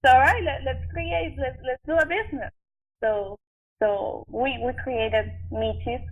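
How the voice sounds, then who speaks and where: The recording is narrow, tinny and band-limited as a young woman, a podcast guest who works as an actress and chef, shares her story. Her voice is high with a Venezuelan Spanish accent, and she speaks casually, stopping, restarting and using plenty of fillers.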